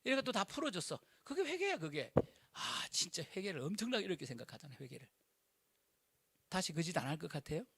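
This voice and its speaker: A middle-aged male pastor preaching a sermon in an animated, colloquial way, full of rhetorical questions. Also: high voice, a little fast, creaky, slightly rough.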